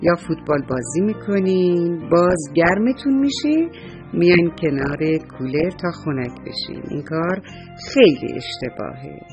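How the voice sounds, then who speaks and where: A man's voice: a little high, expressive, faint music behind. A man narrating a children's story and fondly addressing young listeners as host. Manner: warm, fond address to children.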